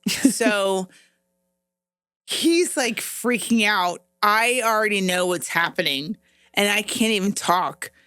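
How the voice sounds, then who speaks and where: A middle-aged woman co-hosting a podcast, telling an embarrassing story in a casual, animated way and laughing as she goes. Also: mid-range voice, a little slow, clear, resonant tone, dry recording, clean studio sound. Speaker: podcast co-host.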